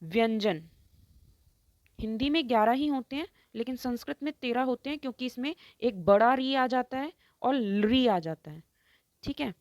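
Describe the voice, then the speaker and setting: A woman's voice: fairly high pitch, expressive, darkish tone, dry recording. A woman teaching Hindi grammar in an online lesson. She explains step by step, pronounces each example word distinctly and keeps checking in with her students. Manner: slow, explains step by step, keeps asking "ठीक है".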